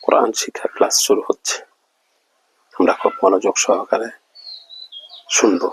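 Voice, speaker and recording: A man teaching Quran reading in an online lesson, drilling Arabic letters with slow, drawn-out repetition. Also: deep voice, steady tone, a little hiss or hum, low-quality recording.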